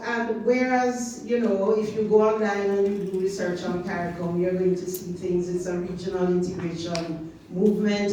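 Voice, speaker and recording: With a lowish, dark voice, a woman from Jamaica speaking in a Jamaican accent addresses a community meeting as an official of a regional organization. She's impassioned, stressing words rhythmically and building to chant-like slogans, captured by a distant mic in an echoey hall with faint ambience and slight background noise.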